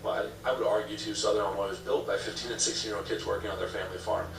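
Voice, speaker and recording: A man's voice: fairly low pitch, flat delivery, very fast, vocal fry. A man answering interview questions as a political candidate, emphatic and repeating phrases as he lays out talking points. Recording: echoey room, distant mic, noisy background.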